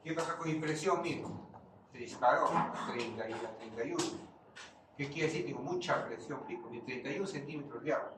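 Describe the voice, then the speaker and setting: A man's voice: a little high, fairly quick. A man giving a physiology lecture, quizzing the class and answering his own questions. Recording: far-off mic in an echoey room, noisy.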